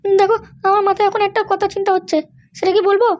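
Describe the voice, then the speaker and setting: Brief: a woman doing a meek cartoon wife, very high voice, quick pleading delivery. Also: little pitch movement. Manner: pleading, protesting innocence. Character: pleading, put-upon young wife. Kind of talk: cartoon voice acting.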